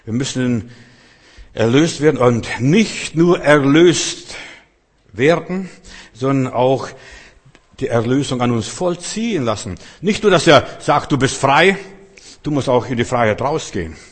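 Husky preacher in a reverberant hall. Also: male voice, mid-range voice, animated, measured pace. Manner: emphatic, swings between loud declarations and hushed lines; addresses listeners directly and intimately. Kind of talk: sermon.

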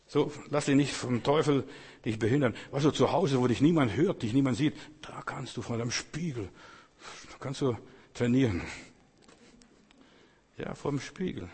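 A man's voice: medium pitch, normal speed, pauses often, a little mellow, slightly rough, in a large hall. A man preaching a sermon, addressing his listeners directly in an insistent, exhorting way.

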